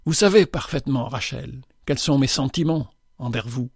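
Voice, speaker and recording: A man's voice: medium pitch, normal speed, gravelly, breathy edge, no echo, studio quality. A man reading a novel aloud, voicing a nervous, earnest young man pleading his love in his own near-natural voice. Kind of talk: audiobook dialogue reading.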